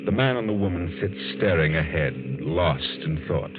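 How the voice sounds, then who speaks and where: A man playing a mysterious, ominous narrator of a 1940s radio mystery, telling the tale slowly and deliberately. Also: low voice, animated, noisy background. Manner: slow, deliberate, ominous storytelling. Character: the Whistler, ominous mysterious all-knowing narrator of shadows. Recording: muffled tinny 1940s radio recording, music behind. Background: loud music.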